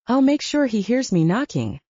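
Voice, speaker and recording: Woman doing a haughty noblewoman, snappish, scornful, mellow voice, dry sound. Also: a little high, big pitch swings, moderate pace, no echo, pitched above the performer's own voice. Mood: impatient. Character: haughty impatient young noblewoman. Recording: dull lo-fi.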